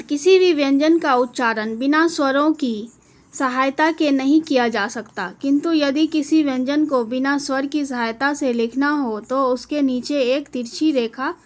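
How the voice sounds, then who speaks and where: A woman giving a Hindi grammar lesson, spelling out each letter slowly and deliberately. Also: sits high. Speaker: teacher.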